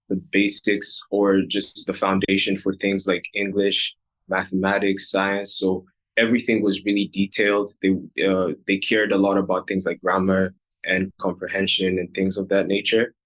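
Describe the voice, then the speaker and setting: Low, flat-voiced young man from Rwanda. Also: normal speed, poor audio. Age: young adult. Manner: thoughtful, with many fillers and restarts. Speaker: guest, recent graduate. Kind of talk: podcast interview.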